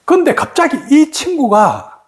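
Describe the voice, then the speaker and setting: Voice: high voice, unhurried. A middle-aged meditation teacher giving a dharma talk to students, telling stories animatedly and often stopping to ask the listeners a rhetorical question. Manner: animated storyteller, keeps asking rhetorical questions.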